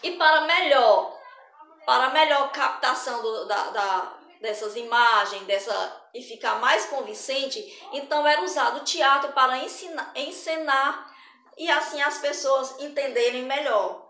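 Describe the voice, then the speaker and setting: High-voiced woman teaching, roomy echo. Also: unhurried, pushed and bright. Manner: chatty and explanatory, frequent hesitations and restarts. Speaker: arts teacher. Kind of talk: explaining a recorded lesson.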